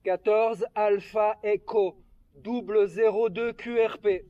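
A man's voice: sits high, fairly even intonation, slow pace. A man working as an amateur radio operator, speaking over a handheld walkie-talkie from a hilltop in a ham radio exchange full of call signs and signal reports. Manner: repeats the other operator's name and "QSL" often. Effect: heard over a handheld walkie-talkie radio link. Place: outdoors on a hilltop. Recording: faint, distant, lo-fi radio transmission.

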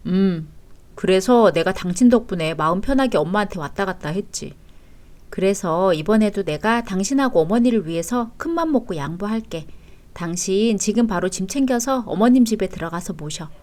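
A woman in her forties reading a first-person story aloud in a calm, sharp-tongued way. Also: mid-range voice, normal speed. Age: 40s. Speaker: story narrator.

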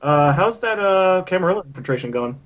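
A man's voice: high voice, expressive, fairly quick, lo-fi sound. A man bantering casually during a tabletop game, with a teasing, jokey way of talking.

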